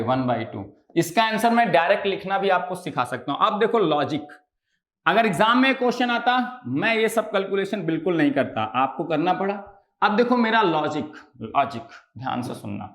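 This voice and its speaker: High-voiced male teacher, echoey room. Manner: poses quiz questions and answers them himself; keeps checking understanding with tag questions. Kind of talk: exam-prep lecture.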